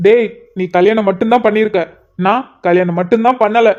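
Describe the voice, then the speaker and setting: A woman's voice: mid-range voice, moderate pace, darkish tone, lightly acted. A woman voicing a sentimental young man who is emotional and pleading, in a cartoon. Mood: fond. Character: tearful sentimental young man meeting an old friend. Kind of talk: cartoon voice acting. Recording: slightly muffled lo-fi audio.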